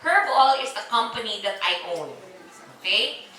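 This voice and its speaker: Speaking from a distance in an echoey hall with faint ambience, a woman in her forties with a Filipino accent runs a live product presentation, teasing the crowd and prompting their answers. Her voice is high-leaning, animated, bright, and forceful at a normal speed, with a little hiss or hum.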